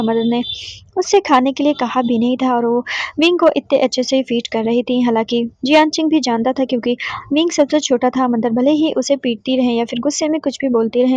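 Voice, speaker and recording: A woman with a high voice retells a romance fan story in a chatty, conversational way, often starting sentences over. The recording is dry and dull, with a lo-fi sound. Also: a little mellow, dry recording. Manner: retelling in a conversational way with frequent restarts. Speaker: story narrator. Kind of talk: fan fiction story recap narration.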